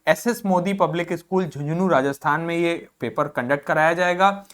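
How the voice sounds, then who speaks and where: A teacher leading an online vocabulary class, with a middle-pitched voice that sits between low and high. They repeat each word slowly two or three times for the students to copy. They keep stopping to check that everyone is following. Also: a bit bright. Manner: often checks in with "ठीक है"; addresses students directly and encourages them.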